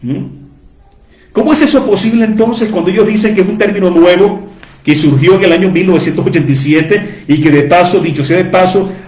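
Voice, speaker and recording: A man's voice: high voice, a little fast, a little mellow, reverberant. A man teaching from the Bible to his listeners, repeating key words and asking rhetorical questions for emphasis. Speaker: preacher.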